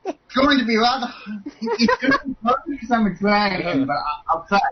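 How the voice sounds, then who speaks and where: A man's voice: extremely high pitch, huge pitch swings, brisk. A man playing a tabletop game with playful in-character banter, on a dull recording. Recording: dull lo-fi sound with crowd babble.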